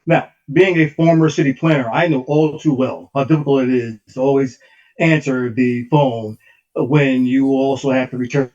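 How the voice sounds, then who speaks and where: A man's voice: medium pitch, steady tone, moderate pace, darkish tone. A man giving a formal presentation over a remote call whose audio keeps cutting out and glitching. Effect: choppy audio that keeps cutting out. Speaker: consultant presenting to a commission. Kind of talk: formal presentation read from slides. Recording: dull lo-fi remote call line.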